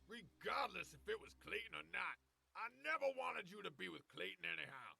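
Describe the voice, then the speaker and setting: An actor playing a furious, proud army general who shouts harshly and scolds his daughter. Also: high-pitched, expressive, fairly quick, creaky, slightly rough, exaggerated voice.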